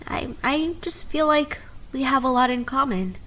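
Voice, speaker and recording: A woman's voice: mid-range voice, lively intonation, measured pace, a bit bright. A woman voicing an anxious, tearful girl who tends the wounded in a fan-made game; she stammers and sounds unsure of herself. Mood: timid.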